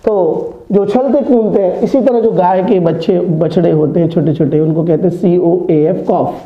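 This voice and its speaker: A male English teacher teaches in a video lesson, reciting word lists in a chanted, sing-song rhythm. His voice sits at a middle pitch. It sounds thin and phone-like, with a lot of room echo. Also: moderate pace. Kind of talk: classroom-style video lesson. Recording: echoey, tinny phone-like sound.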